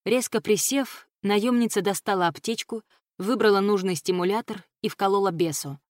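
A woman narrating a fantasy audiobook with a steady, expressive reading. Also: medium pitch, moderate pace, no echo, studio quality. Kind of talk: scripted narration of a fantasy novel.

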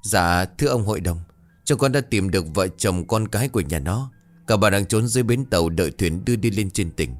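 A man's voice: fairly low pitch, lively intonation, a little fast, faint music behind, close to an everyday voice. A man voicing a deferential male servant. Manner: deferential, subservient.

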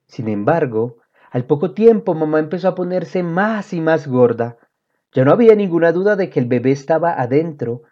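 Expressive woman reading a children's book. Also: low voice, moderate pace. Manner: expressive, storytelling, lively. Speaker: reader. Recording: dull lo-fi audio.

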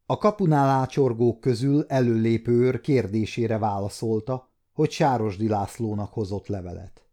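A man in his fifties narrating an audiobook in a steady storytelling manner. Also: mid-range voice. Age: 50s. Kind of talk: scripted narration.

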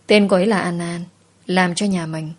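A respectful young man, voiced by a woman reading the story, answering his elders plainly. Low, even delivery. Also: moderate pace, lightly acted. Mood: calm.

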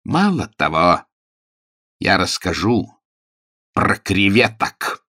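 A man's voice: low voice, sing-song, takes it slowly, no echo, studio quality, heavily acted. A man doing a brash commanding aristocrat. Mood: grandly threatening. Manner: loud commanding theatrical.

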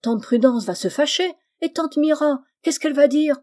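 Little sickly orphan girl done by a woman, whiny and pleading, a bit higher, mellow tone. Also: moderate pace, close to an everyday voice. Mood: plaintive. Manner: plaintive, pleading. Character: sickly, wistful orphan girl, shy but mischievous.

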